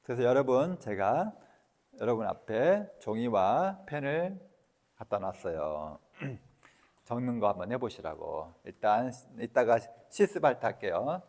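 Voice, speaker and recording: A man's voice: medium pitch, very animated, unhurried, a little mellow. A man giving a casual, blunt lecture on emotional healing, keeps quizzing his audience in plain everyday speech. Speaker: EFT lecturer and clinic director. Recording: long hall reverb.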